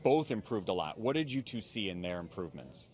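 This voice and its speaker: Male sports interviewer, animated pitch, teasing and playful. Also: a little fast, slight background noise.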